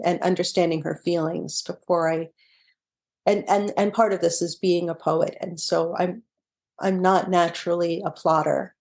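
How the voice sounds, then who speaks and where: A middle-aged woman with a slightly low voice, a guest author in a podcast interview. She talks in a reflective, unhurried way, laughs easily and often circles back to restart a thought. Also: darkish tone.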